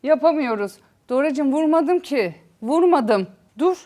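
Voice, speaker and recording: Bossy, playful female comedy host, high and lively. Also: measured pace. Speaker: comedy show host and acting coach. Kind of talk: comic sketch hosting.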